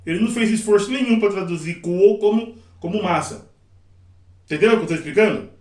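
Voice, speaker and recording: High-voiced man teaching a class. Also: brisk. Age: middle-aged. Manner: lively, acts out examples and quotes. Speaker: sign language interpreting teacher. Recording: echoey room, mic at a distance.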